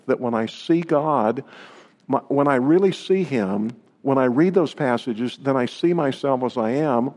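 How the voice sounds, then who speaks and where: A man's voice: medium pitch, a little mellow. Earnest male preacher in a reverberant hall. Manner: earnest, emphatic, asks rhetorical questions. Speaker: pastor. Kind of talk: sermon with scripture reading.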